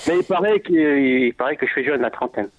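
A man's voice: fairly high pitch, animated, no echo. Hesitant forties man on a phone line. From France, of Algerian descent. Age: 40s. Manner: hesitant, halting, many fillers. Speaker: caller. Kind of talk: phone-in conversation. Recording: tinny phone line with faint music.

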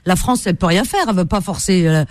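A woman's voice: lowish voice, animated, fast talker, darkish tone, dry recording. A woman hosting a late-night radio call-in show, chatting with callers in a soothing, agreeable way. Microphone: studio microphone.

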